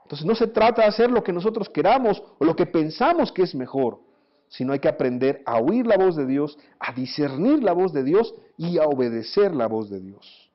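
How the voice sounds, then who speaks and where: A pastor preaching a sermon, animated, asking his listeners rhetorical questions. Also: on the high side, normal speed. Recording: dull lo-fi recording.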